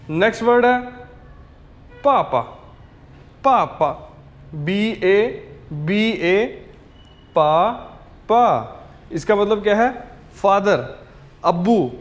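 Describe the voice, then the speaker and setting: A man teaches beginners with patient repetition. His voice sits high for a man, and he talks slowly, saying each word several times. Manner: patient, drills words over and over. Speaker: language teacher. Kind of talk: slow repetitive language lesson.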